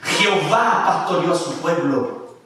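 A pastor preaching a sermon, animated, with emphasis that rises and drops. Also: male voice, a little high, unhurried, noisy background. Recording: echoey room from a distance.

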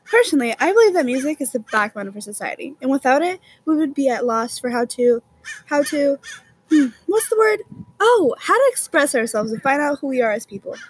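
A young woman as a guest on a scripted mock talk show, speaking earnestly and pausing to find her words. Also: sits high, very animated.

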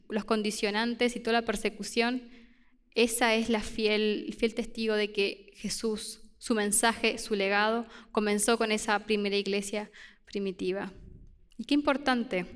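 Woman preacher, smooth and resonant, somewhat high, reflective sermon delivery. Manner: reflective, paraphrasing scripture with frequent restarts.

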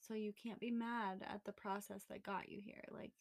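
A young woman in her twenties, co-hosting a casual podcast, tells a personal story in a candid, rambling way with many fillers. Her voice is medium-pitched and gravelly, with a flat delivery at a moderate pace.

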